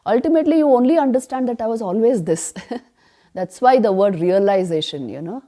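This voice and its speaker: A woman giving a spiritual retreat class on scripture, emphatic, asking rhetorical questions and answering them, and chanting verses slowly. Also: on the high side, lively intonation, dark tone. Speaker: spiritual teacher.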